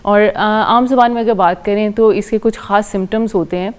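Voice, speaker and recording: A woman's voice: medium pitch, fairly even intonation. A woman with a Pakistani accent, a dermatologist guest on a TV show, explaining patiently with simple everyday comparisons. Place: TV studio.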